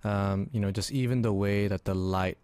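A man's voice: on the low side, fairly even intonation, normal speed, a little mellow, clear, resonant tone, dry recording. A young man from Argentina talking in a casual interview about his film work, thoughtful and hesitant, with many fillers and restarts. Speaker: interview guest, film artist.

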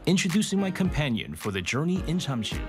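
A man narrating a travel documentary in a measured, reflective scripted voice-over. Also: a little high, big pitch swings. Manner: slow, measured reflective delivery. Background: guitar music.

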